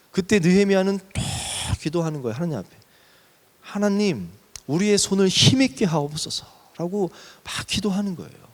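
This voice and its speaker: A man preaching a sermon as pastor, telling a story with lively emphasis and slowing to a near whisper on key words. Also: on the high side, in a large hall.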